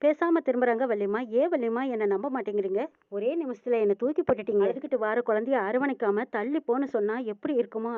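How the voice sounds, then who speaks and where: Retelling an episode of a TV serial, this woman acts out every character's lines herself. Her voice sits on the high side, and the recording is dry and phone-like with no echo.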